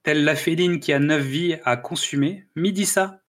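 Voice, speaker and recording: A man's voice: on the high side, moderate pace, fairly bright tone. A man hosting a casual film-review podcast, talking with frequent hesitations and restarts. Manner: hesitant, many "euh" and restarts. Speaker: podcast host.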